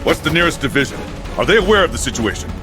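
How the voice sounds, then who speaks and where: A man's voice: fairly high pitch, very animated, racing, over music. A man voicing a commanding but cautious royal military leader in an anime dub. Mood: brisk, commanding.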